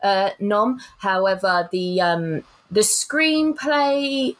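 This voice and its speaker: A woman's voice: mid-range voice, drawn-out words, rough recording. A woman co-hosting a podcast, chatting casually about films, rambling with fillers and restarts. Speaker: podcast co-host. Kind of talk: casual film chat.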